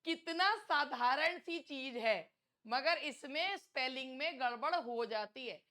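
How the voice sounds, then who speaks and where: A young woman teaching an English exam-prep lesson, chatty and teasing, reading questions out slowly. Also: high voice, lively intonation, pushed and bright. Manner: chatty, scolding, teasing students.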